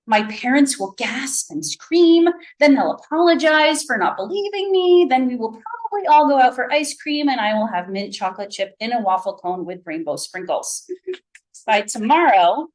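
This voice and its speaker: Woman reading her story aloud. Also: a little high. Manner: lively storytelling, voicing a child narrator. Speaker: author and faculty reader.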